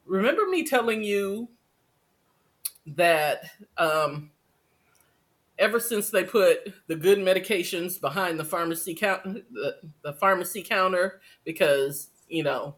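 An American woman hosting a podcast in casual chat, wry, unhurried and playfully teasing. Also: on the low side, a bit bright. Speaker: podcast host.

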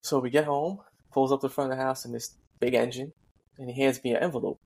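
A man's voice: medium pitch, fairly even intonation, fast, darkish tone. A man hosting a podcast, trading a laid-back story of his own start as a firefighter. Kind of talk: casual conversation.

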